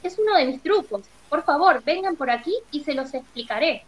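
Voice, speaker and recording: Teacher doing a jittery old wizard guy, nervous and pleading, storybook read-aloud, highish voice. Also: animated, moderate pace, poor audio. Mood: timid. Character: frightened old male humbug wizard.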